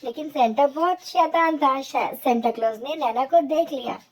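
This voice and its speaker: A woman's voice: high voice, moderate pace. A woman narrating a children's cartoon story in a simple, plain storytelling manner.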